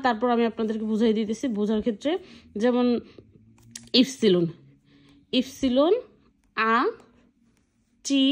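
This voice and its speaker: A woman teaching a casual language lesson, patiently spelling out letters one at a time and often checking that her listeners follow. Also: on the high side.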